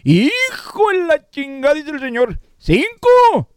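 Guy doing a squeaky bawdy old man, voice jumps all over, dry sound. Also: sing-song, normal speed, dry recording. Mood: bawdy joking. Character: crude joking old Mexican man.

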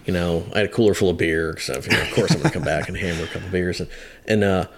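With a little hiss or hum on the recording, a man in his fifties with a deep voice talks very fast. A longtime firefighter, he spins a lengthy conversational story on a podcast, full of hesitant restarts and acted-out quotes.

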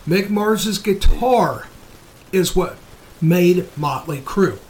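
A man's voice: high-pitched, expressive, takes it slowly, darkish tone, slight background noise, low-quality recording. A man hosting a casual talk show, giving opinionated commentary in a blunt, sweary, emphatic manner. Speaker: show host.

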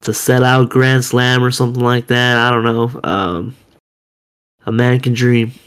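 A man's voice: medium pitch, little pitch movement, measured pace, fairly bright tone, clean tone. A man co-hosting a wrestling podcast, talking in a laid-back way with lots of fillers and swearing. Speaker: podcast co-host. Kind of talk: casual wrestling podcast chat.

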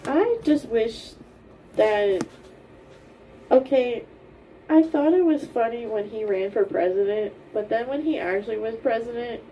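A young woman co-hosting a podcast chats casually in an informal, matter-of-fact way. Her voice is on the high side, warm and unhurried. The mic is distant, and faint background noise can be heard.

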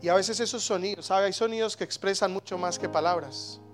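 A man in his thirties preaching a sermon as pastor, animated, with sudden loud exclamations. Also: high voice, brisk, soft background music.

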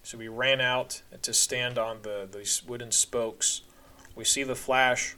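Steady and unhurried, this man tells personal stories on a podcast with a medium pitch that comes across pushed and bright. He's candid and conversational, with a dry, wry humor.

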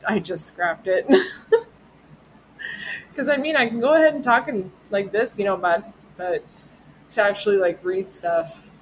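A woman's voice: medium pitch, lively intonation, unhurried, pauses often, a little hiss or hum, rough recording. Chatty giggly woman podcast host. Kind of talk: casual true-crime podcast chat.

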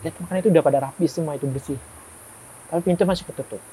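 A man's voice: fairly high pitch, racing, breathy edge, rough recording. A young man telling a horror story in casual conversation, acting out the dialogue as he goes. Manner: animated, acts out quoted dialogue. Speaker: guest storyteller.

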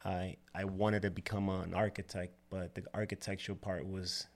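A man's voice: low voice, flat delivery, moderate pace. A man from the Dominican Republic, a barber and shop owner, telling his story in an easygoing way, loose with you know and uh. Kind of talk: casual interview.

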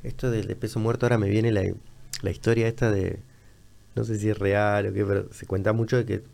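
A man with a Uruguayan accent hosting a casual chat, chatty and quick to jump in. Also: fairly low pitch, level tone, gravelly, darkish tone. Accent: Uruguayan Spanish. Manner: fast, chatty, interjecting. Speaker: host. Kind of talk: casual conversation.

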